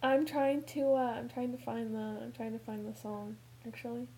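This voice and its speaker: Woman co-hosting a casual movie podcast, high voice, kinda soft and warm, playful and chatty. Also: fairly even intonation, normal speed, slight background noise. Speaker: podcast co-host. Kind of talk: casual movie review chat.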